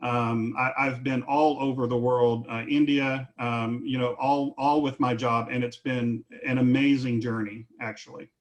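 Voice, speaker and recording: A man in his fifties speaking as a panelist in a webinar. He rambles a little and restarts his sentences often, with lots of "uh" and "you know". His pitch sits in an ordinary middle range. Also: flat delivery, unhurried, hardly any pauses. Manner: rambling, with many fillers and restarts.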